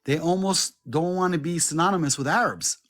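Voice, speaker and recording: A man's voice: a little high, brisk, fairly bright tone. A man joining a livestream conversation, talking animatedly and acting out the people he argues with. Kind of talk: casual conversation.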